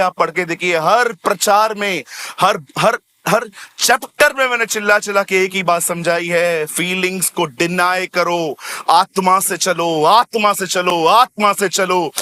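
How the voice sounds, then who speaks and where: High, bright-voiced pastor preaching. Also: male voice. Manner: animated, acts out little scenes and voices of people; mixes in English words. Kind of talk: lively sermon.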